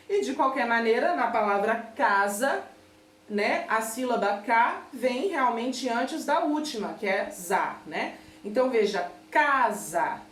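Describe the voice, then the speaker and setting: A woman's voice: on the high side, reverberant, recorded from a distance, slight background noise. A woman with a Brazilian Portuguese accent teaching a recorded remote class, patiently explaining and often checking that listeners follow.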